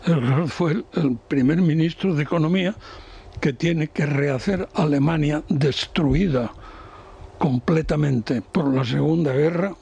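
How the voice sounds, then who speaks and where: An older man with a Spanish accent, an economics commentator on a radio panel, talking in a slow, halting, professorial way with many restarts. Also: a little high, gravelly, mellow, slightly rough.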